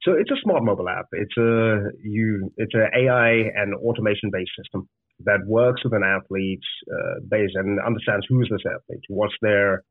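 The speaker is a Zimbabwean startup founder appearing as a guest, answering interview questions earnestly and often starting his words over. He has a Zimbabwean accent and a fairly low pitch and speaks at a moderate pace. The audio is a dry, tinny, phone-like line without echo.

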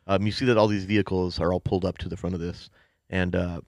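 A man's voice: low voice, fairly even intonation, fast talker, darkish tone, no room sound. A man narrating and refereeing a tabletop role-playing game, rambling with many hesitations. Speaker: game master.

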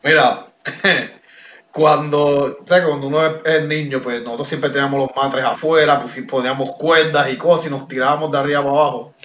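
A Puerto Rican man with a slightly high voice, talking as a guest on an interview podcast. He tells his story in an animated way and often stops to restart a phrase. The room around him gives his voice a roomy echo. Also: lo-fi sound. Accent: Puerto Rican Spanish. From Puerto Rico. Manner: animated, many fillers and restarts. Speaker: wrestler guest.

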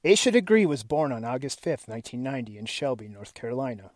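A man narrating a scripted true-crime story in a suspenseful, measured, serious manner with deliberate dramatic pauses. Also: mid-range voice, big pitch swings, a little mellow, dry recording. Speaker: host and narrator of a missing-persons series.

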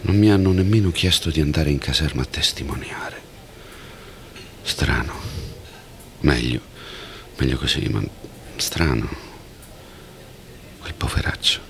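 A man plays a jumpy night agent from who talks to himself in a low, gravelly voice that rises and falls widely. Music plays behind his audio-drama monologue. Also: expressive, unhurried, long pauses, a bit bright, exaggerated voice. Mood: musing. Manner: muttering, thinking aloud, panicking.

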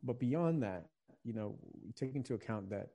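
A young adult from Virginia, USA, who leads a young adult ministry, reflects earnestly as a guest in a conversational podcast interview. His mid-range voice is warm and expressive at a moderate pace, and he often restarts phrases while searching for words.

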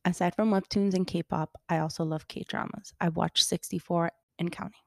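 A woman co-hosts a podcast in a fairly low voice with heavy vocal fry. The sound is close and dry as she reads her scripted introduction. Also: steady tone, normal speed, no echo. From Colombia-born, raised in Miami. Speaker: podcast co-host.

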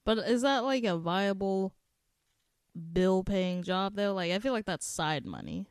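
A woman's voice: mid-range voice, expressive, measured pace, smooth, no room sound, studio quality. A woman co-hosting a casual podcast chat, giggly and full of crude jokes. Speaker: podcast co-host.

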